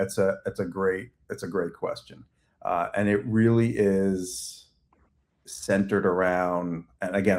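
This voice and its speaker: Man, forties, Long Island accent, low voice, rambling conversational answers. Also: darkish tone. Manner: talkative, uses many fillers and restarts. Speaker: agency CEO guest.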